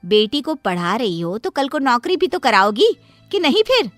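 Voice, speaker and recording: A woman's voice: on the high side, sing-song, moderate pace, fairly bright tone, no echo, faint music behind. A woman voicing a meddling middle-aged neighbor woman in a cartoon story, lecturing in a preachy way.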